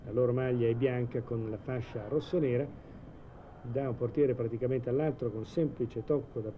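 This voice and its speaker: A man giving measured live football commentary in a 1980s TV broadcast style, hesitating now and then mid-sentence. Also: medium pitch, poor audio. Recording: old TV broadcast, steady stadium noise.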